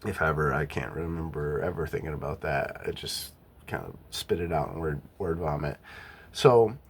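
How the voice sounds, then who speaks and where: A young man with a notably low voice speaks in a relaxed personal monologue. He thinks out loud, stops, restarts and corrects himself mid-sentence, as if working out his views as he goes. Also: slightly rough. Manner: halting, self-correcting, musing aloud. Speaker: vlogger. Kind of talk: casual reflective monologue.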